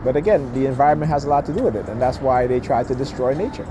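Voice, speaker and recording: Talking very fast with a medium-pitched voice over a noisy background, a man offers emphatic, opinionated commentary in an informal rant. Again and again he checks in with quick "right?" and "okay?" questions.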